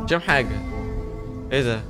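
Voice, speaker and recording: A man's voice: medium pitch, lively intonation, quick pace, music in the background. A young Egyptian man hosting a reaction video, joking and mocking himself, repeating his phrases. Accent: Egyptian Arabic. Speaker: YouTube host reacting to clips. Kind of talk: casual reaction commentary.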